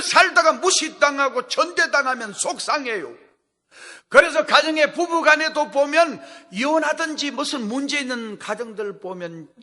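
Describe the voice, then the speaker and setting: A man's voice: very high-pitched, bright, forceful tone. A middle-aged man, a pastor, preaching a sermon with folksy storytelling to a congregation in a large worship hall. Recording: long hall reverb.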